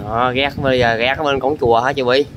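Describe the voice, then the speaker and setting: A man's voice: medium pitch, fairly even intonation, a little fast, lo-fi sound, noisy background. A man hosting a vlog, teasing the drinkers and narrating the scene to viewers. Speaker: vlog host filming the drinking session. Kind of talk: casual vlog commentary.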